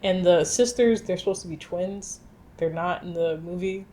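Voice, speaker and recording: Her voice sits on the low side at a moderate pace, with slight background noise behind it. She co-hosts a film review show, chatting casually and opinionatedly in lively, slangy speech that includes some swearing.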